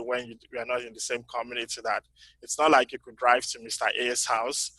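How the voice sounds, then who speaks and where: A man giving a conference breakout talk, halting with many pauses and fillers, his voice fading in and out. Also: medium pitch, pushed and bright, no echo, rough recording. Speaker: convention panel speaker.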